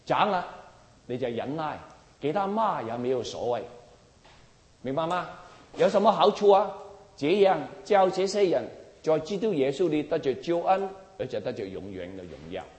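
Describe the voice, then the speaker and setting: A man delivers a sermon with forceful emphasis, his pitch leaping and falling dramatically as he presses rhetorical questions on his listeners. His voice sits a little high for a man. It rings out in a large hall with long, echoing reverb. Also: animated, moderate pace. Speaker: preacher.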